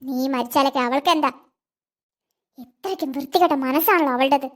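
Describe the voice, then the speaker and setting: A woman voicing a doting, protective old grandmother in an animated cartoon, tender with the child and sharp about others. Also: high-pitched, fairly quick, natural voice. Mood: tender, indignant. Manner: tender with the child, scolding toward her daughter-in-law.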